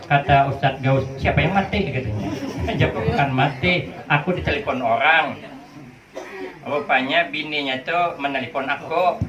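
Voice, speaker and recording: Humorous preacher in his fifties, echoey hall. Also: fairly high pitch. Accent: Banjar Malay. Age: 50s. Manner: storytelling with playful dialogue and sing-song Arabic recitation. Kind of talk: humorous sermon. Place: hall with a live audience. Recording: echoey, distant, muffled crowd hall recording.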